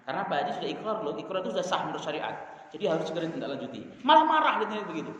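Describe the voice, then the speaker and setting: High-voiced preacher in an echoing hall. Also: male voice, very fast. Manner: animated, acts out quoted dialogue with big swings in pitch and volume; chants Arabic quotations. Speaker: Islamic preacher. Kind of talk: lively mosque sermon. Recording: echoey hall, dull lo-fi sound, faint hiss.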